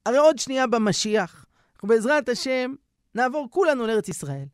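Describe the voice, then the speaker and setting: A man's voice: extremely high pitch, animated, smooth, dry recording, studio quality, voice pushed up. A man voicing an elderly pious rabbi who eagerly awaits redemption, talking in a fervent, exclamatory way.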